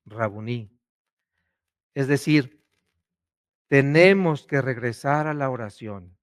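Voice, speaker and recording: A man, a priest preaching a sermon, asking questions and swinging between loud and hushed delivery. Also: mid-range voice.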